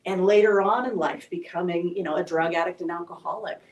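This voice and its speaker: A woman's voice: on the low side, steady tone, fairly quick, darkish tone, lo-fi sound. A woman telling a candid, emotional personal story to a live audience at a speaker event. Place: event hall. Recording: echoey room from a distance.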